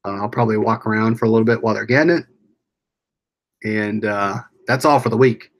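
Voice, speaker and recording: A man's voice: on the low side, steady tone, a little fast. An American man hosting a casual livestream, rambling along as he reads and answers viewers' comments aloud. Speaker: livestream host.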